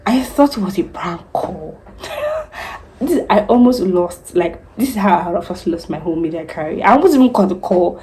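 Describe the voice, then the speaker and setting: A young Nigerian woman vlogs her career story in a chatty, animated way, with laughs between the turns. Her voice sits a little low and sounds mellow and warm. A faint hiss lies under the recording. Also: normal speed, rough recording. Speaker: vlogger, news anchor. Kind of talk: casual storytime vlog.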